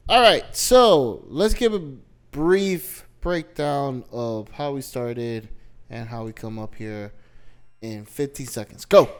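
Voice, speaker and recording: A man's voice: mid-range voice, expressive, takes it slowly, clear, resonant tone. A young man hosting a casual podcast, joking and teasing his co-host as he talks. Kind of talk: casual chat.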